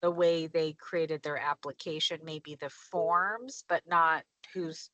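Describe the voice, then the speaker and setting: A woman joins a council call from her car as she drives, her voice bright and forward. The sound is close and dry, with little room around it. She apologizes often and hurries to clarify what she meant. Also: low-pitched, no echo. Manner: apologetic, quick to clarify herself. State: talking on a call from a car while driving. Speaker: state senator on a council call. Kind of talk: meeting discussion.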